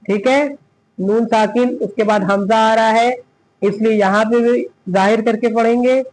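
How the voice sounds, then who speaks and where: A man's voice: sits high, fairly even intonation, a little slow, darkish tone, a little hiss or hum, poor audio. A man teaching Quran reading, spelling out letters step by step and asking and answering his own questions. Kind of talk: step-by-step recitation lesson.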